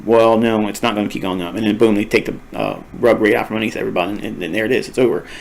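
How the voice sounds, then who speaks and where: A man's voice: on the low side, steady tone, rapid-fire, gravelly, rough recording. Guy teaching trading w a tired worn-out voice, keeps repeating himself and rambling. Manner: emphatic, repetitive, digressive. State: tired, losing his voice. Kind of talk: recorded screen-share lesson.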